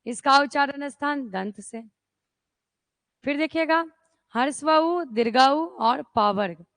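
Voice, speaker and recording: A young woman with a high voice teaches an exam-prep class. She poses questions and answers them herself, checking in with "okay" again and again. The recording is dry, with no room sound. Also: fairly bright tone, no echo. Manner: repeats "okay" and "isn't it" as checks.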